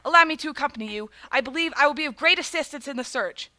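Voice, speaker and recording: A woman's voice: high voice, fast talker, sharp tone, no room sound. A woman reading as a loyal, formal male companion. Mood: earnest.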